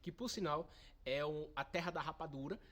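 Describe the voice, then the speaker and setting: A man's voice: a little high, normal speed, fairly bright tone. A man, a nutritionist guest explaining things with enthusiasm. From Brazil's Northeast, Pernambuco. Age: 20s. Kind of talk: interview answers.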